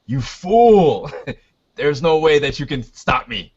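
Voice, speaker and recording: A man's voice: fairly high pitch, very animated, slow pace, darkish tone, breathy edge, dull audio, full character voice. A man voicing a hulking masked villain in a tabletop game, taunting and theatrical in a mustache-twirling way. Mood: gloating.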